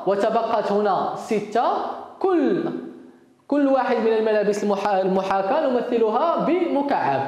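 A patient primary school teacher walks small children through counting, saying each number slowly and repeating it. The teacher's words of praise come often and sound encouraging. The voice rings out in a hard, very echoey room with a long reverb tail. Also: mid-range voice, darkish tone. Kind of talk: recorded math lesson for young children.

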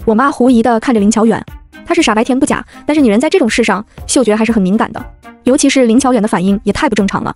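Fast-reading woman narrating a novel. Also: a little high, darkish tone, faint music behind. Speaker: audiobook narrator. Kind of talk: first-person novel narration.

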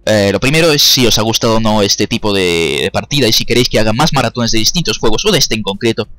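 A man's voice: on the low side, animated, fast, a bit bright, dry recording. A young man giving casual commentary over his own gameplay, chatty, cursing at opponents and talking to his viewers. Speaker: gaming YouTuber.

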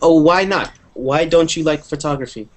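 Speaking at a moderate pace in a slightly high voice, this young man runs an online English lesson by video call. He keeps things upbeat and encouraging, often dropping a "cool," and his audio comes from an earphone mic.

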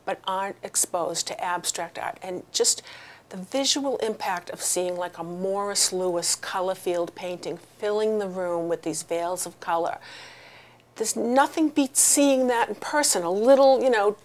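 A middle-aged woman, a high school art teacher, speaking earnestly into a handheld mic in an interview. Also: a little slow. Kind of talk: interview comment. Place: art gallery indoors.

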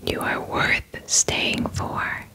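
Asmr lady whispering a soothing pep talk, affirmations, really slow and unvoiced. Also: pushed and bright. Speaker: ASMR host.

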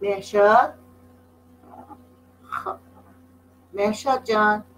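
A woman teacher leading an online class for young children, slow and patient, drawing words out and praising often, heard over a video call. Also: medium pitch, slight background noise, poor audio. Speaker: primary school teacher.

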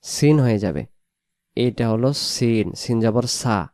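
Guy teaching quran word by word, super slow and drawn out, dry close sound. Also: medium pitch, animated, darkish tone, no echo. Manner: spells out letters slowly, then explains quickly; drawn-out melodic recitation. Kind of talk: word-by-word Quran recitation lesson.

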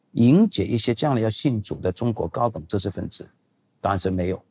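Husky older man, pastor answering questions. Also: mid-range voice, a little mellow. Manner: conversational, digressive, emphatic. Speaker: pastor and seminary teacher.

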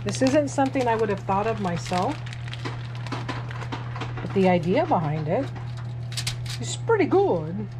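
A woman with a mid-range, very animated voice talks through a recipe step by step while cooking in her home kitchen, filming on a handheld phone. She's a home cook vlogger, chatty and narrating each step at a measured pace with long pauses. The background is noisy in this casual cooking demo.

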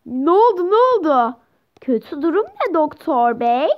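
A woman's voice: high-pitched, a little slow. A woman voicing a vain, fussy young mother who complains dramatically, in a dull lo-fi recording.

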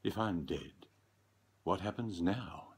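A man playing a frightened, halting old man. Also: low voice, slightly rough, exaggerated voice. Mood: bewildered. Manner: halting, unsure, stammering. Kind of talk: storybook character voice.

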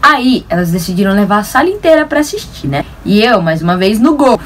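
A young woman with a São Paulo Brazilian accent, telling a story to camera in an animated, slangy, self-mocking way. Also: medium pitch, fairly quick, distant mic, a little hiss or hum. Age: young adult. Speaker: vlogger.

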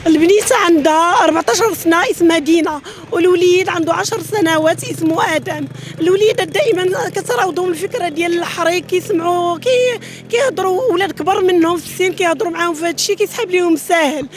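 Woman, northern Moroccan Arabic, very high voice, extremely rapid speech, tearful and pleading, outdoor news interview. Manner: pleading, urgent, repetitive. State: distraught, tearful. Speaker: mother of missing children interviewed on the street. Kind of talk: emotional news street interview. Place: outdoors at night, large open lot. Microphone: handheld reporters' microphones held close.

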